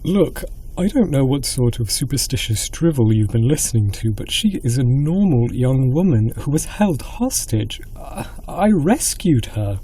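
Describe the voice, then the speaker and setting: A man voicing a proud, indignant knight in a fairy tale, loud and protesting. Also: mid-range voice, expressive, slow, husky, pitched above the performer's own voice, full character voice.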